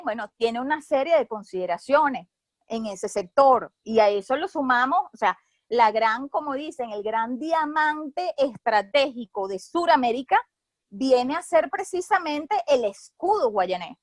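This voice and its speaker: High-voiced woman with a Venezuelan Caribbean accent. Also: animated, measured pace, dry recording, clean studio sound. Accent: Venezuelan Caribbean Spanish. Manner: didactic, checks in with short tag questions. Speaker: expert speaker on geopolitics. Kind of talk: explanatory talk, semi-formal.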